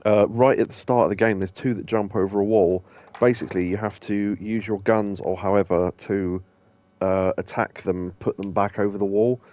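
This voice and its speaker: Playing a video game, a male streamer and host offers casual, rambling commentary packed with ums and restarts. He speaks at a moderate pace in a lowish, steady voice, and the dry recording has its highs cut off.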